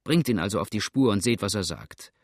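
A man voicing a sharp-eyed male hunter in an audiobook, speaking in a pointed, commanding way. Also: lowish voice, animated, a little fast, no echo, studio quality. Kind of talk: audiobook character reading.

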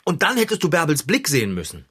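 Einen empörten, lebhaften jungen Kerl. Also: male voice, fast, slightly rough, exaggerated voice. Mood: indignant. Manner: animated, theatrical storytelling with big pitch jumps.

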